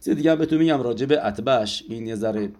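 A man giving a spoken religious lesson, pausing often with filler sounds as he explains. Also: medium pitch, mellow. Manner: hesitant, many filler sounds. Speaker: religious teacher. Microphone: audio-only recording.

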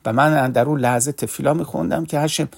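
Gravelly man telling a sermon story. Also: on the high side, fairly even intonation. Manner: earnest storytelling, voices quoted lines.

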